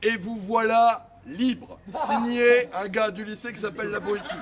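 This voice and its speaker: A man's voice: sits high, steady tone, measured pace. A man working as a town crier, theatrically declaiming messages and stories to a crowd in a playful, projected street-performer delivery. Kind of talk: theatrical public crying and storytelling to a crowd. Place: crowded school gathering. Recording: crowd chatter, live at a distance.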